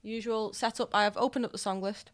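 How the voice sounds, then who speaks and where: Chatting with her live stream audience and greeting each by name, a woman musician speaks a little fast in a mid-range voice with fairly even intonation. Her nose is a bit stuffed up; she's on a studio dynamic mic with guitar playing behind her and a little hiss or hum.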